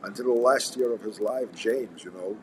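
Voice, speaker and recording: A man with a Russian accent and a fairly low voice talks casually and bluntly, with wry swearing. He is recorded in a coffee house with clear background noise. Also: moderate pace. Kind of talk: casual chat. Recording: noisy coffee house ambience.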